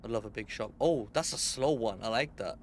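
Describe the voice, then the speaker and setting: A man's voice: lowish voice, brisk, a little hiss or hum. A young man streaming a game, chatting casually with viewers and swearing a lot. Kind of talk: casual live-stream chat.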